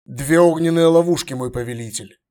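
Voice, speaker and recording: A man voicing a humble young male warrior who speaks quietly and deferentially. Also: fairly high pitch, normal speed, natural voice.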